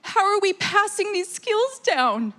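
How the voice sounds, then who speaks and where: Slow, high-voiced woman pleading emotionally. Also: sing-song, a bit bright. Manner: heartfelt, pleading. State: emotional, near tears. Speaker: shareholder speaking at a meeting. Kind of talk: emotional public comment speech. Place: hotel meeting hall.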